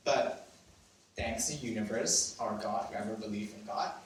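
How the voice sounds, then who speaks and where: At a live storytelling event, a young Cambodian man whose first language is Khmer shares a personal story in a Cambodian accent, laughing often, poking fun at himself and swearing cheekily. His voice sits fairly low with fairly even intonation and an unhurried pace. The room is very echoey, the mic is distant, there's slight background noise, and an audience is present.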